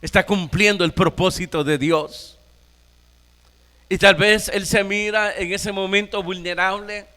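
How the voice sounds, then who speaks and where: A Nicaraguan pastor preaching a sermon, emphatic, firing rhetorical questions at the congregation. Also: male voice, high voice, steady tone, measured pace, pushed and bright, in a large hall.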